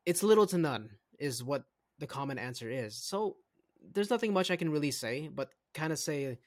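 A young adult man co-hosting a casual podcast, talking in an animated, rambling way with frequent restarts. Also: a little high, normal speed. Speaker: podcast co-host. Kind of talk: casual chat.

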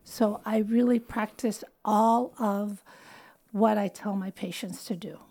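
A woman's voice: mid-range voice, fairly even intonation, slow pace, warm tone. A woman in her fifties, a physician guest in an interview, explaining her work in an earnest way. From United States. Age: 50s. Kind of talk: interview conversation.

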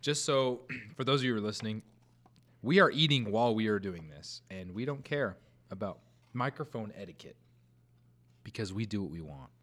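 A man's voice: fairly low pitch, lively intonation, normal speed, a bit bright. A young man hosting a casual talk with friends over a meal, easygoing and steering the conversation. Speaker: podcast host.

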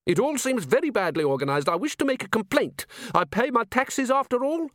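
Man putting on a squeaky ghost curator, prim, fussy, voice leaping high, dry sound. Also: big pitch swings, brisk, fairly bright tone, no room sound, exaggerated voice. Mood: fussy indignant. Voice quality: squeaky, trilling.

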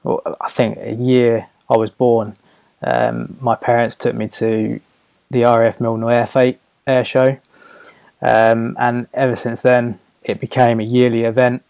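A man's voice: medium pitch, little pitch movement, unhurried, gravelly, darkish tone, clean tone, dry recording. A man from southern England with a Home Counties accent, answering casually in an interview in short, hesitant, unassuming phrases. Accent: southern English, Home Counties. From Hertfordshire, England. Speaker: podcast guest, aviation photographer.

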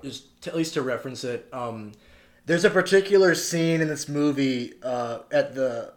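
A man co-hosting a podcast, chatting casually about films with lots of fillers and animated quoting. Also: medium pitch. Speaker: podcast co-host. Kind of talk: casual film discussion.

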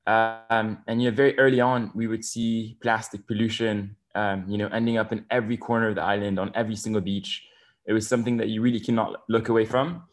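A man's voice: lowish voice, flat delivery, fast talker. A man in his twenties, a podcast guest, talking enthusiastically with many fillers and restarts. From Bali, Indonesia. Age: 20s. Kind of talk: podcast interview.

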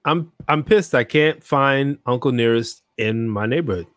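A man's voice: medium pitch, moderate pace, fairly bright tone, no room sound, studio quality. A man in casual chat, easygoing, often restarting his sentences.

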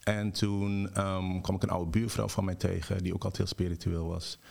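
A man from the Netherlands, a shaman guest, telling his story at length in a relaxed way and mixing English words into his talk. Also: sits low, moderate pace, gravelly. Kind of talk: storytelling in a podcast interview.

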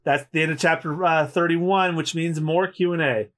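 A man's voice: on the high side, steady tone, normal speed, fairly bright tone. A man hosting a casual show, reading manga aloud and chatting about it. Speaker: podcast host.

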